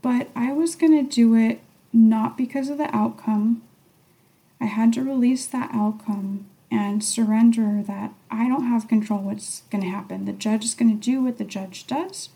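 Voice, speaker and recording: A middle-aged woman hosting a podcast, talking candidly and thoughtfully in a reflective personal monologue, sometimes dropping to a soft near-whisper. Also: on the high side, steady tone, measured pace, creaky. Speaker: podcast host.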